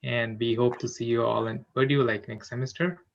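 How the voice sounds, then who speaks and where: A man's voice: mid-range voice, steady tone, normal speed, vocal fry, highs cut off. A young man in his twenties, a graduate assistant, introducing himself politely with some hesitation on a video call.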